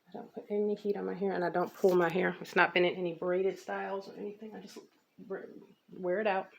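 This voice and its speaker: Brisk and level in tone, with vocal fry at a medium pitch, an American woman who vlogs about natural hair care chats informally through an update. She rambles and repeats herself. The audio is dull, with a little hiss or hum.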